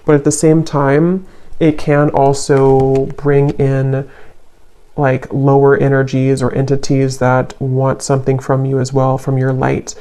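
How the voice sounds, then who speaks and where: A tarot reader giving a card reading, unhurried and searching for words, with many soft fillers. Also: medium pitch, completely flat delivery.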